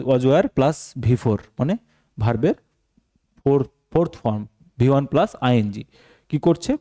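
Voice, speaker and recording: A man's voice: medium pitch, warm tone. A male teacher, explaining a translation lesson step by step and posing questions to the class that he answers himself. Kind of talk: translation lesson for exam students.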